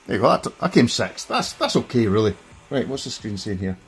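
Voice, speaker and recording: A middle-aged streamer with a broad Scottish accent reviews a gaming handheld, giving chatty, self-deprecating live commentary as he plays. His lowish voice swings widely in pitch and he talks briskly, with faint music behind him.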